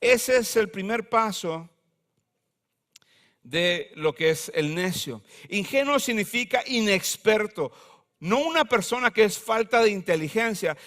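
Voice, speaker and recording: A pastor preaching a conversational sermon with humor and slang. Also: male voice, sits high, expressive, a little slow, fairly bright tone.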